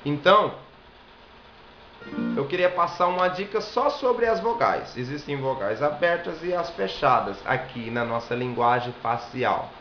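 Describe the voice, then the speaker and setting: A man's voice: on the high side, lively intonation, measured pace, faint music behind. A Brazilian man giving a singing lesson, explaining step by step and demonstrating vowel sounds. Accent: Brazilian Portuguese. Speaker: singing and viola teacher. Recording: echoey room, dull lo-fi sound, faint hiss.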